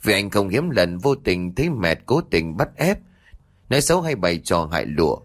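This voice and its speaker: A man narrating a ghost story in a dramatic, expressive storyteller's manner. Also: deep voice, normal speed.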